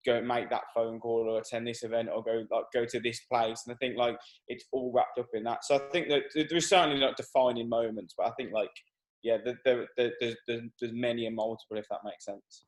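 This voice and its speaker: A man's voice: medium pitch, little pitch movement, a little fast. A man in his twenties from Birmingham, a guest singer-songwriter rambling casually in a radio interview with many fillers. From Birmingham, England. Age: 20s.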